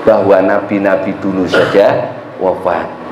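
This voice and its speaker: A man's voice: sits low, a little slow, noisy background. A man preaching a sermon in a mosque, telling stories with energy and often asking the congregation questions. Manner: lively storytelling, asks the congregation. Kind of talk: sermon storytelling. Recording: echoey, dull lo-fi mosque recording.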